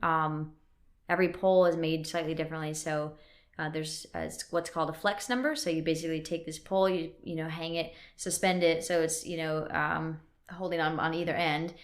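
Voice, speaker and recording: A woman in her thirties from Wisconsin and North Carolina, US, with an accent blending Northern and Southern US, is a CrossFit coach and gym owner appearing as a podcast guest at a physical therapy clinic. In casual chat she explains things at length with many fillers, speaking fairly quickly in a low-pitched voice with fairly even intonation.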